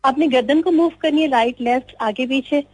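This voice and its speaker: A woman's voice: sits high, fairly quick, darkish tone, dry recording, soft background music. A woman calling in over the phone and giving health tips, earnest and instructive with some hesitant restarts. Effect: heard over a phone line. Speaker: caller.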